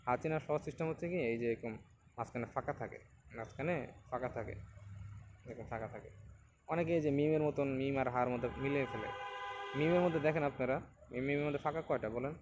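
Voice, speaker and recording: Man doing a patient beginner lesson, mid-pitch voice, says letters over and over, bit of faint noise behind. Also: darkish tone, muffled recording. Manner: repeats letters slowly for learners to copy. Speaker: Quran teacher.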